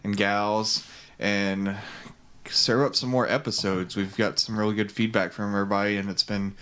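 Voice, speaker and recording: A relaxed man from Texas co-hosts a podcast from a home studio. He talks in a loose, rambling way, full of fillers. His voice sits a little low. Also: normal speed, smooth. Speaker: podcast co-host. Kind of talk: casual chat.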